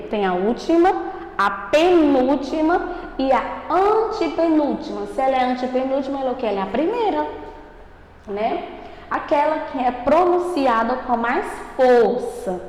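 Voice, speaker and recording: Brazilian woman, primary teacher, high voice, drawn-out and emphatic, taped remote lesson with a ringing echo. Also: a little mellow. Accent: Brazilian Portuguese. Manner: slow, emphatic, stretches out syllables; asks questions and answers them for the class. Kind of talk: recorded remote grammar lesson for children. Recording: echoey room with long reverb.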